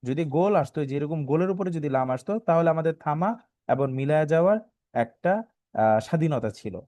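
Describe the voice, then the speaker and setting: A man teaching Quran reading online, spelling Arabic syllables one by one and then reciting the words in a drawn-out, melodic way, with a Bangladeshi Bengali accent. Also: a little high, warm tone, no echo.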